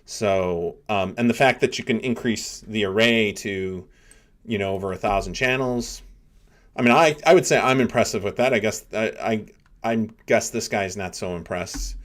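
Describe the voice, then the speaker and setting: Man, middle-aged, low voice, casual live commentary, rambling, many fillers. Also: moderate pace. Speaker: livestream host, neuroscience professor.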